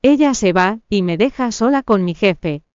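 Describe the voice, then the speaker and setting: Woman reading a first-person story, smooth clear voice, dry kinda dull audio. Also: mid-range voice, moderate pace, no room sound. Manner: steady reading with acted dialogue. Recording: dull, dry close recording.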